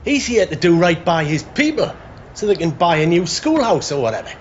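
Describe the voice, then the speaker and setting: A decent builder with a troubled conscience, earnest and uneasy as he talks. His voice is high and very lively. The sound is muffled. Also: brisk, slight background noise. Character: decent, worried working-class builder.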